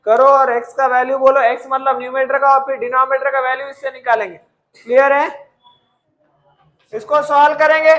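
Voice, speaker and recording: A man's voice: very high voice, fairly bright tone, low-quality recording. A male math teacher, teaching a class. He dictates problems word by word and keeps asking the students whether they follow. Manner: dictates English problem text slowly, word by word.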